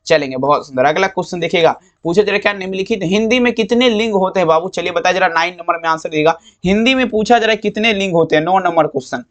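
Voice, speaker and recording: A man's voice: sits high, fast talker, hardly any pauses, a bit bright. A man teaching students, going over exam answers with affectionate, repetitive coaching. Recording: slightly dull lo-fi sound.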